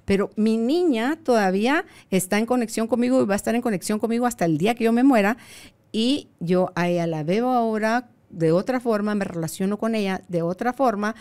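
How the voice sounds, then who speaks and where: A woman, hosting a casual conversation and telling stories in a lively, playful way. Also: a little high, a little fast, clear, resonant tone. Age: 60s. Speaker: podcast host.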